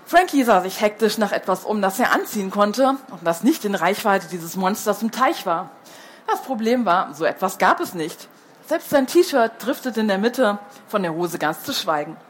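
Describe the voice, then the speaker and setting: A woman's voice: medium pitch, slight background noise. A woman reading a children's book aloud as the storyteller, who falls into hesitant fillers when she chats between passages.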